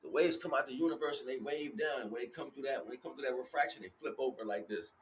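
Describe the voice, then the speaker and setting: Speaking fast at a medium pitch, a man streaming live as a spiritual teacher rambles through a motivational message full of profane street slang, hammering his points with repetition. A little background noise can be heard.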